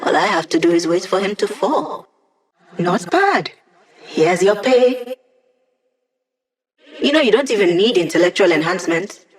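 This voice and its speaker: A woman's voice: medium pitch, expressive, a little slow, long pauses, natural voice. Woman doing a young hacker girl for a video game, wry n playful, casual techy teasing, tech support for the bad guys. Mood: brisk, upbeat. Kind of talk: video game character dialogue.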